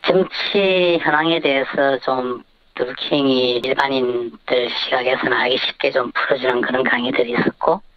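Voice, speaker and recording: An anonymous radio interview guest whose voice is disguised with a voice changer, giving halting, measured, careful answers. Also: medium pitch, vocal fry, no room sound. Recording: dull lo-fi disguised line.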